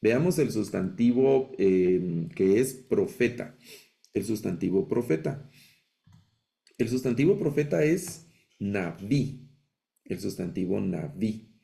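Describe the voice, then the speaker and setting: Man, gravelly, mellow, unhurried teacher, repeats each word, online class. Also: lowish voice, lively intonation. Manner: patient, repeats words slowly for learners. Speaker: biblical Hebrew teacher. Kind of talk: live online class lecture.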